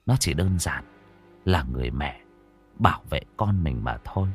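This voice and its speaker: A man narrating an emotional story in a dramatic, expressive way. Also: rumbling low, normal speed, husky, soft background music.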